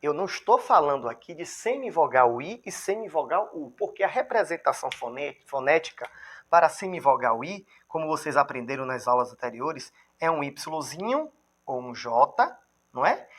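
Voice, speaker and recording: A man with a Brazilian Portuguese accent teaches a grammar lesson in a lively voice on the high side with a breathy edge. He checks in with the viewer constantly and spells out example words slowly, syllable by syllable.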